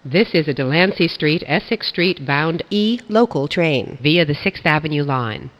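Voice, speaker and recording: A woman reading scripted automated subway announcements in a formal, measured way. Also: low voice, lively intonation. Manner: formal, measured delivery of stop and line information. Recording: dull, band-limited announcement audio.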